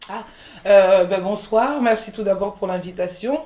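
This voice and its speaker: A woman's voice: mid-range voice, moderate pace, warm tone, echoey room. A woman in her forties, born in the Ivory Coast, talking frankly as an interview guest, full of restarts and fillers. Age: 40s. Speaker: guest, chef and entrepreneur. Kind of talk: candid conversational interview.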